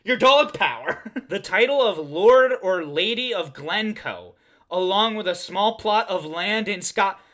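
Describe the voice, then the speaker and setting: A man riffing sarcastically as a comedy host. His voice is bright and tense, his delivery mocking and full of laughter. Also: high voice, lively intonation, measured pace.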